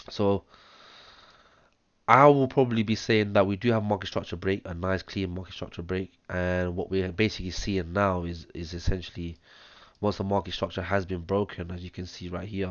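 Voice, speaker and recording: A man with a deep, hoarse voice and a chesty cough talks methodically through a trading chart, counting waves one by one. His delivery stays flat and even. The sound is dry and dull, close to the mic with audible breathing. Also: moderate pace, dry recording. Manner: talks step by step through wave counts, many ums. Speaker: trading analyst. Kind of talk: screen-share chart analysis.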